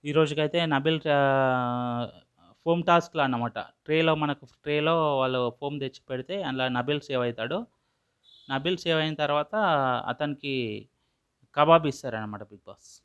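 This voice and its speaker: A man's voice: on the high side, normal speed, pauses often, a bit bright, clean tone. A man casually retelling a reality show episode, quoting everyone in his own voice, with loose fillers and restarts. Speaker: episode recap vlogger.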